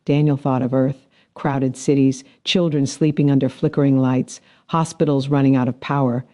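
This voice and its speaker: Mellow male story narrator. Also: medium pitch, little pitch movement. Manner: measured, dramatic storytelling. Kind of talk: scripted narration.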